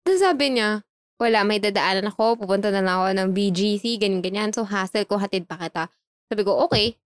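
A young woman telling a story in casual chat, animated, laughing often and acting out the dialogue she quotes. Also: medium pitch, fast talker, smooth, dry recording, clean studio sound.

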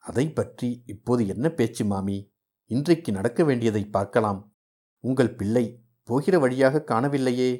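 A man voicing a calm, sensible young woman in a read-aloud novel, speaking in a quiet, matter-of-fact way. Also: mid-range voice, normal speed, slightly rough, close to an everyday voice.

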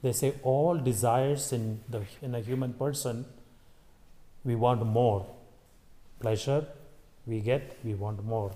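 A priest leading Mass, reading the gospel and preaching a homily in a slow, solemn way, his voice ringing with a long cathedral echo. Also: mid-range voice, fairly even intonation, dark tone. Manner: measured, solemn delivery with pauses. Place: large church.

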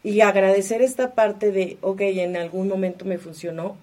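A woman's voice: medium pitch, steady tone, normal speed, a little mellow. Woman chatting about emotions, lots of um and like, medium voice. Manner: thinks aloud, full of fillers. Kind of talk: reflective conversation on emotions.

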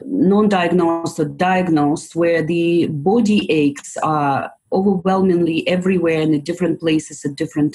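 A woman's voice: fairly low pitch, a little mellow, breathy edge, low-quality recording. A woman, answering interview questions thoughtfully with small grammar slips. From Ukraine. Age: 50s. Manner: thoughtful, a bit hesitant, non-native grammar slips. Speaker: guest physician.

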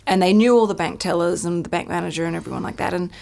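A woman's voice: on the low side, fast, gravelly, darkish tone. A woman, a podcast guest, chatting casually and telling a story, acting out quoted voices as she goes.

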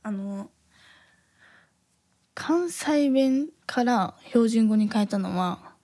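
A woman in her twenties from Osaka, hosting a casual podcast and reading listener messages, talking softly with many fillers and frequent laughs. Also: fairly high pitch, lively intonation, drawn-out words, no room sound, studio quality. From Osaka, Japan. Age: 20s. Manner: soft-spoken, filler-heavy, laughs often.

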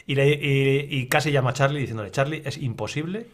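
A man co-hosting a cycling podcast, telling animated stories with acted-out quotes and frequent swearing. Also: mid-range voice, a little fast. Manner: animated storyteller, swears freely, acts out quotes. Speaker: podcast co-host. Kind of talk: casual chat.

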